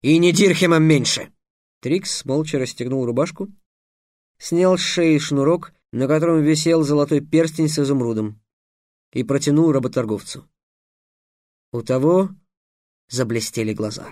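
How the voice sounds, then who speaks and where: Мужчина читает аудиокнигу вслух, выразительно и драматично ведя повествование. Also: male voice, fairly high pitch, normal speed, long pauses, warm tone, no echo, studio quality. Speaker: audiobook narrator. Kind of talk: expressive audiobook reading.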